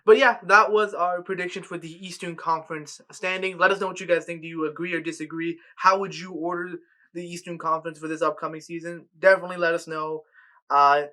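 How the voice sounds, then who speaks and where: A man's voice: high-pitched, sharp tone. A man co-hosting a casual sports podcast, ranting with lots of fillers and restarts. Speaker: podcast co-host.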